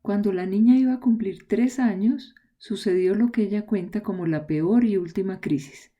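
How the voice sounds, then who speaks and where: A woman hosting a podcast, asking calm questions and reading measured scripted narration. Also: mid-range voice. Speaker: podcast host.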